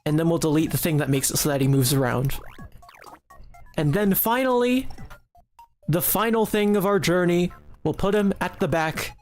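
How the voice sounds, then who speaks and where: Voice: mid-range voice, moderate pace, long pauses, darkish tone, soft background music. A streamer giving casual live commentary while making a game, giggly and rambling, often restarting sentences and joking in a mock-serious way to chat.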